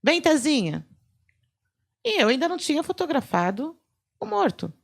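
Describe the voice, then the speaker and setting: A middle-aged woman with a Brazilian Portuguese accent, a forensic photographer telling lively anecdotes in a podcast chat and acting out the dialogue. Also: sits high, fairly quick, gravelly. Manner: lively anecdotes, acts out quoted dialogue, laughs often. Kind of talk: animated storytelling in a podcast chat.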